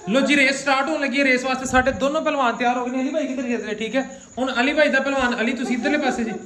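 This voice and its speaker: A man's voice: very high voice, fairly even intonation, racing, pushed and bright. A man with a Lahori Punjabi accent hosting a family vlog in casual banter, insistent and often repeating his phrases. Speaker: vlog host.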